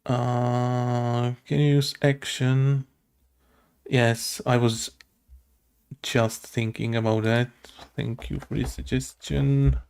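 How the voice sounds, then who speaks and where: Speaking slowly in a level, medium-pitched voice, this streaming game developer thinks aloud as he codes. The sound is creaky yet clear and resonant, a little mellow, and his talk is hesitant and muttered, full of fillers and questions to himself. Keyboard typing and clicking fill the background.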